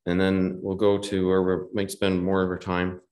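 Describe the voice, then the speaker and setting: In an echoey hall, a man preaches a gospel sermon in a low, monotone, slightly mellow voice at a moderate pace. He is earnest, repeats key phrases, and quotes scripture in old-fashioned wording.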